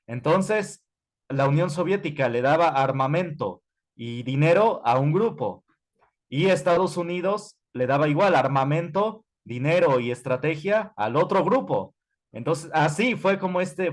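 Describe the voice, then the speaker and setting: Man teaching history. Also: fairly high pitch. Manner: conversational, frequent fillers and self-corrections. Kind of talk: online class lecture while typing notes.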